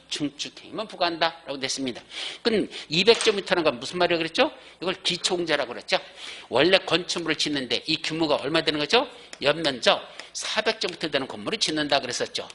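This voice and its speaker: A male instructor lectures with a bright, ringing tone set fairly high. His voice carries a slightly husky edge as he fires questions at the class, answers them himself, and stretches out the words that matter. The result is a brisk, engaged classroom teaching style. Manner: stresses key points by slowing down. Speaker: exam prep instructor.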